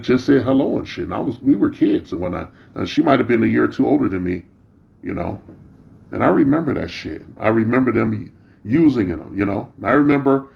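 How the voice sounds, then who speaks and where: A man's voice: medium pitch, gravelly. A middle-aged or older man giving an informal, rambling opinion rant, blunt, profane and slangy, with a scornful, confrontational edge. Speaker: social media commentator. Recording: dull, muffled lo-fi sound.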